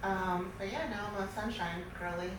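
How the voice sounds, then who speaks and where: A woman's voice: mid-range voice, steady tone, moderate pace. A middle-aged woman, chatting informally and giggly as an interview guest. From Queens, New York. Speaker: interview guest, small business owner. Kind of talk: casual talk show interview. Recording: very echoey room, distant mic, noisy.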